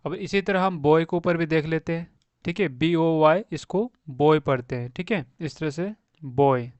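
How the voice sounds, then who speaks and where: A man's voice: fairly high pitch, moderate pace, clean tone, no echo. A young man with a Hindi accent teaching English reading, spelling words out letter by letter and repeating them for beginners. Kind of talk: slow spelling-out lesson.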